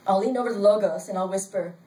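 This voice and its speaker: An older woman reading her own story aloud at a live event, in a wry, deadpan storytelling manner. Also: mid-range voice, fast, far from the mic. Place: bar event space, indoors. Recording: roomy sound from off-mic, faint crowd noise.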